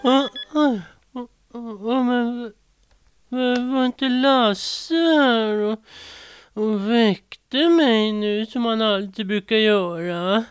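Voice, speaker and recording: A performer playing Kalle, a childish, excitable man who stammers eagerly. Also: medium pitch, close to an everyday voice.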